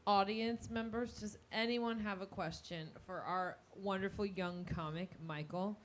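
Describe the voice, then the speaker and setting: A woman hosting a live talk show, asking questions and cracking quick, teasing jokes. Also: medium pitch, fairly even intonation, a little hiss or hum.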